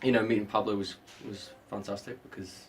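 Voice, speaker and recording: A male actor talking casually in an interview, easygoing and halting with many fillers. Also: on the low side, fairly even intonation, distant mic, noisy background. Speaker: actor guest.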